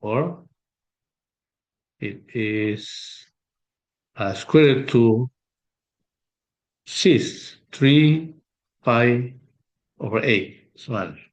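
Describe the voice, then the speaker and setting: A man working through an exam problem as a math tutor, thinking aloud with pauses and fillers. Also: medium pitch, expressive. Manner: slow, hesitant, thinking aloud while sketching. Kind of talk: exam solution walkthrough.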